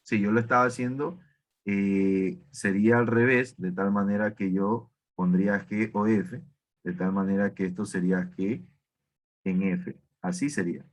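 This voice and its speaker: A man's voice: fairly low pitch, steady tone, a little slow. Questioning male math teacher. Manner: questioning, self-correcting, many fillers. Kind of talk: online math class.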